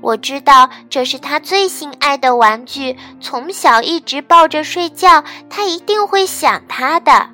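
Brief: a woman playing a bright, high-voiced bossy little girl, bragging, ordering others like a teacher. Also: expressive, a little slow, few pauses, soft background music, exaggerated voice. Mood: friendly. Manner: commanding, schoolteacher tone. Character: bossy young girl playmate who likes to brag.

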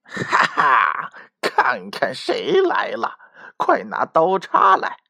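A man's voice: high-pitched, huge pitch swings, slow pace, vocal fry, sharp tone, dry recording, clean studio sound, voice pushed up, exaggerated voice. A man doing a greedy, boisterous fox. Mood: gloating. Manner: boisterous gloating calls. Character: greedy hungry male fox.

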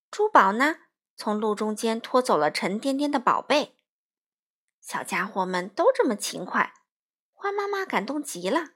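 A woman narrating a children's picture book in a lively, expressive storytelling manner. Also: a little high.

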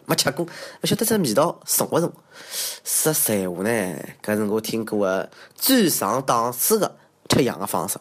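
A man with a Shanghainese accent hosting a comic monologue in a self-mocking, exclamatory way with theatrical asides. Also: on the high side. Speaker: comedy show host. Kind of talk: comedic monologue on odd news.

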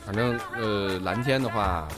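A man's voice: on the low side, a little slow. A man co-hosting a casual group talk show. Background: background music.

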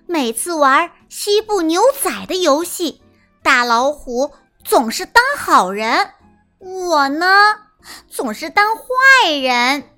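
High, bright woman reading a children's story. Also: takes it slowly, faint music behind. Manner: sweet, expressive, sing-song. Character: small timid little mouse.

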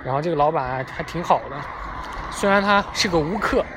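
A man's voice: fairly high pitch, fairly quick. A young man casually telling a funny story, chatty and self-mocking, talking outdoors near traffic. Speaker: vlogger. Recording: clear street and traffic noise behind. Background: passing vehicles.

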